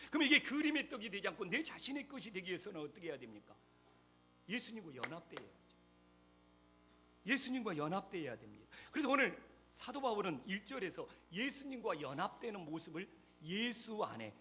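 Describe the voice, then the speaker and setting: A man's voice: high voice, bright, forceful tone, a little hiss or hum. A man, a pastor, preaching a sermon in a church, pressing his points with emphatic rhetorical questions. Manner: jokes lightly with the congregation. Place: church sanctuary.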